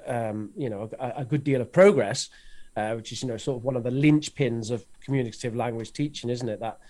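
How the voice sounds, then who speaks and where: A man's voice: medium pitch, a little fast, a little mellow. A man co-hosting a podcast, asking long, meandering questions with many restarts. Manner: rambling, hesitant, many fillers and restarts. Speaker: podcast co-host. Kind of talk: interview questions, casual chat.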